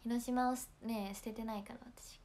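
A young woman from Hiroshima with a Hiroshima accent, chatting casually on a livestream and often dropping into soft whispers between giggles. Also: a little high, steady tone, normal speed. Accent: Hiroshima Japanese. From Hiroshima, Japan. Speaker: idol livestream host.

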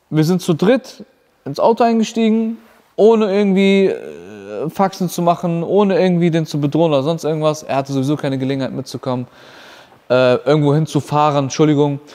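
Man telling a story in a reverberant room. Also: on the high side. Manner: animated retelling, acts out quoted dialogue. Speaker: car rental business owner. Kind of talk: storytelling vlog.

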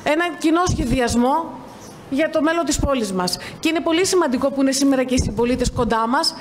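A woman council member making an earnest, measured speech at a municipal council meeting. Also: high-pitched, animated, a little hiss or hum.

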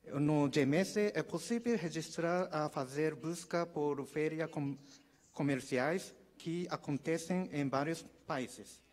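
A man with a Japanese accent giving a formal conference presentation as a non-native speaker, in a halting, hesitant manner. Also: a little high, a little mellow. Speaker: trade promotion speaker. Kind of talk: formal conference presentation in Portuguese as a second language. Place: conference hall stage.

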